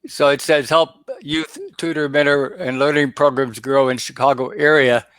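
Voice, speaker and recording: A man speaking as a guest over a video call, explaining in a halting way with many fillers and restarts. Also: medium pitch, steady tone, a bit bright, clear, resonant tone, no room sound. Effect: heard over a video call. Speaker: guest presenter. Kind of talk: casual explanation on a webinar.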